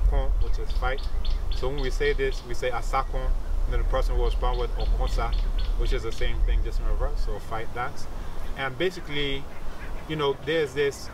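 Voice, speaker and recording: Recorded from a distance amid noisy surroundings under leafy trees, a mid-range male voice belongs to a thirty-something capoeira teacher and researcher. He explains in an interview like a teacher, regularly checking comprehension with brief tag questions.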